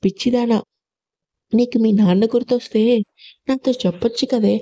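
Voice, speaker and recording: Female reader as devoted young husband, gentle and coaxing, highish mellow tone. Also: moderate pace. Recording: lo-fi audio.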